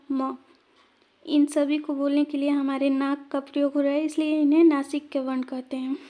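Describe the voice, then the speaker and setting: A woman teacher leads an exam-prep lesson, sounding out letters one by one and asking viewers to say them aloud. Her voice sits high, her pace is slow and measured, and her tone stays even with little rise and fall.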